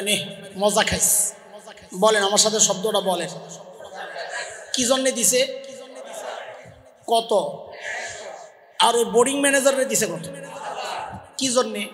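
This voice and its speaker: A man preaches a waz in a very high, sharp, forceful voice. He drills the crowd with questions and makes them repeat the answers. His voice rings through a roomy space with a long reverb tail. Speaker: Islamic preacher. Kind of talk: Bengali waz sermon with call-and-response.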